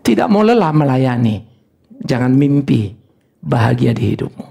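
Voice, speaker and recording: An older male pastor preaching a sermon, telling stories in an animated way with sudden high exclamations. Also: normal speed, gravelly.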